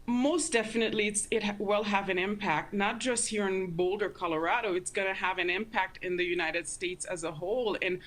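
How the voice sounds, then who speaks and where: A woman speaking as an interview guest, giving earnest, deliberate commentary and stressing her points. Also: medium pitch, a bit bright. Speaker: interview guest, community advocate.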